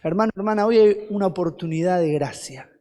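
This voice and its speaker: This guest preacher speaks briskly in a high-sitting, dark-toned voice with a Rioplatense Spanish accent. He fires rhetorical questions at the congregation and answers them himself, and the recording carries a long hall reverb.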